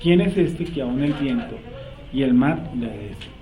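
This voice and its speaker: A man's voice: mid-range voice, expressive, moderate pace, mellow. A man teaching a Bible study class, asking his students questions and leaving sentences open for them to finish. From Colombia. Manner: quizzing students with fill-in questions. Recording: roomy, faint background noise.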